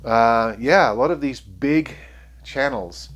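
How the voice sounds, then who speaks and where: A man's voice: medium pitch, lively intonation, slow pace, a bit bright. A man reviewing guitars, talking to camera in a frank, rambling way with many fillers and a sniffly voice. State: sniffly from allergies. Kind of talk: casual talk to camera.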